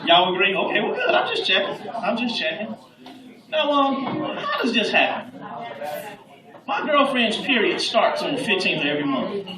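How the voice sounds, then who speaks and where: High-voiced man doing stand-up in a club. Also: big pitch swings, normal speed. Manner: conversational, playful crowd work. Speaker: stand-up comedian. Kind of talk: stand-up comedy set. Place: club stage before a live audience. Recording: roomy club audio from a distance with audience noise.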